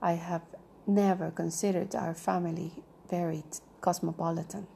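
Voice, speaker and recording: A woman narrating a novel aloud in a measured, even reading style. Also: on the low side, creaky, slight background noise. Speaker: audiobook reader.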